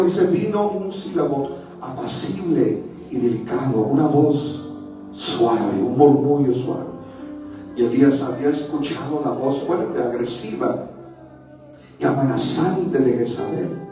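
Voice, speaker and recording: A man preaching a sermon as a church elder, swinging from soft, hushed lines to shouted ones. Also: mid-range voice, expressive, a little slow. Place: church sanctuary. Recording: echoey church hall from far off, music behind.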